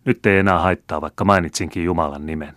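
A frantic, half-mad old peasant woman, as a male reader puts her on, gushes in a raised, shrill voice. The sound is close and dry, with no room around it. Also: no echo, close to an everyday voice. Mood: excited. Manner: eager, shrill, gushing.

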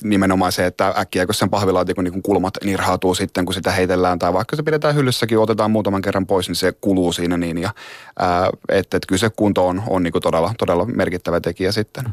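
Very low-voiced hesitant man. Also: steady tone, dry recording, studio quality. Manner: hesitant, many fillers and restarts. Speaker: game collector guest. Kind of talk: casual conversation.

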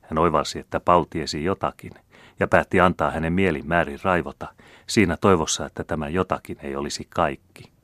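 A man narrates a classic novel as an audiobook in an even, measured way. His voice is extremely deep and the sound is dry and close to the mic. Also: no room sound. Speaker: audiobook reader.

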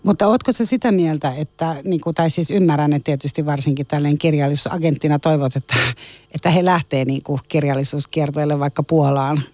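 A woman's voice: deep voice, fairly even intonation, mellow, dry recording. A woman radio journalist asking long, casual, rambling questions full of fillers.

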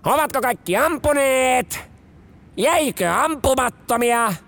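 A man voicing a gruff army first lieutenant who barks drawn-out commands at the firing range. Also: sits high, wildly swooping pitch, fairly bright tone, voice pushed up, full character voice. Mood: barking.

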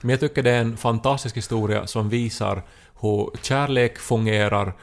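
A man co-hosting a podcast in casual chat, telling anecdotes thoughtfully with hesitant pauses. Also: fairly low pitch, steady tone, vocal fry. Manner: thoughtful anecdote-teller, hesitant with filler sounds. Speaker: podcast co-host.

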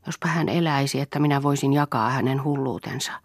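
An earnest, yearning young woman speaking softly with a slightly lifted, husky voice, as a woman narrator reads her in a storybook reading. the voice has a gravelly edge and sits close and dry. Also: rumbling low, no echo. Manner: soft, earnest, slightly raised voice.

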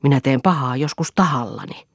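A woman's voice: a bass voice, husky, no room sound, studio quality. Woman reading a sulky, boastful husband. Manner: sulky, boastful, raises voice in outbursts. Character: moody, self-pitying adult husband. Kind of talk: audiobook character reading.

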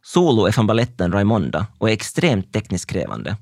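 Young male narrator, intense and introspective, dry close sound, animated delivery. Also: on the low side, creaky, dry recording. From Finland. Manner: intense, introspective present-tense telling. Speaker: dancer telling his own story. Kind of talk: scripted first-person narration.

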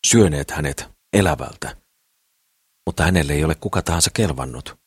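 A man narrating an audiobook novel in a measured, even storytelling manner. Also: rumbling low, breathy edge, no room sound, clean studio sound. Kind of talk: scripted narration.

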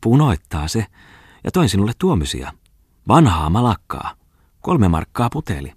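A man's voice: lowish voice, big pitch swings, slightly rough, dry recording, clean studio sound, pitched above the performer's own voice, exaggerated voice. A man voicing a teasing, flirtatious country woman. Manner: teasing, giggly, coaxing. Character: sly flirtatious former farm mistress woman. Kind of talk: audiobook character reading.

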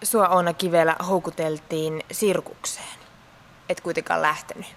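A woman interviewer asking measured, direct questions. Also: lowish voice, steady tone.

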